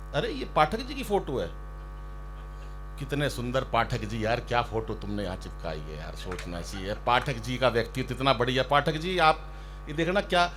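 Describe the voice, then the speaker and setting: A man performing as a comic poet on stage, ribbing fellow poets and telling jokey stories in a loud, teasing manner. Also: mid-range voice, a little hiss or hum. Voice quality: loud, ribbing, storytelling with mock shouts. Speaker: stand-up poet. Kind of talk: humorous poetry recital banter. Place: outdoor stage by a river.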